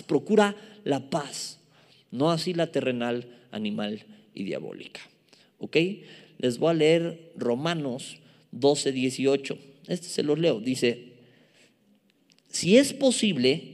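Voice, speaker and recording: A Mexican man in his thirties preaching a sermon in a slightly higher than usual voice. He leans on key words, repeats them, and drops casual jokes to his listeners. His voice carries a long reverb from the church hall. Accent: Mexican Spanish. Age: 30s. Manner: emphatic, repeats key words, playful asides to the congregation.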